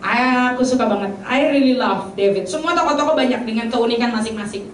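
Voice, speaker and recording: A woman preacher giving a lively sermon to a congregation, slipping into English phrases and short bursts of song. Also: fairly high pitch, a little fast, a little hiss or hum. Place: church hall. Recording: very echoey hall from a distance.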